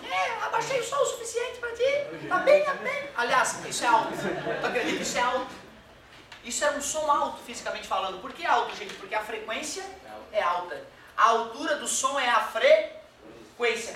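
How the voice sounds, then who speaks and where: A man's voice: extremely high pitch, pushed and bright, a little hiss or hum. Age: adult. Sex: man. Role: teacher. Style: jokey classroom lecture with swearing. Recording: very echoey room, voice far from the mic. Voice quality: joking, colloquial, drops swear words, acts out quoted voices. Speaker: physics teacher.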